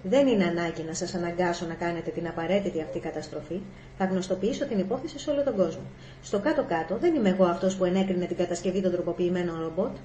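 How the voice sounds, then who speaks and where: A woman's voice: lowish voice, mellow, slight background noise, natural voice. A woman voicing a stern, determined female robot psychologist who speaks firmly and insistently. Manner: firm, insistent. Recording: echoey room, faint ambience.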